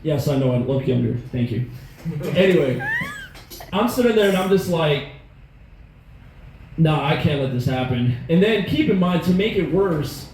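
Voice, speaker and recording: A man in his thirties doing stand-up, telling stories in an animated, profane, self-mocking way. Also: high voice, moderate pace. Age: 30s. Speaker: stand-up comedian. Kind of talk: stand-up storytelling. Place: comedy club stage. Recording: echoey room, faint noise.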